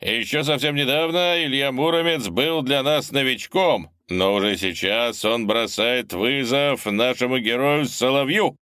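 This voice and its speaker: A man voicing an excited arena announcer man who calls out the fight in a drawn-out showman style. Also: medium pitch, clean tone, no echo, studio quality, pitched above the performer's own voice. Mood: hyped.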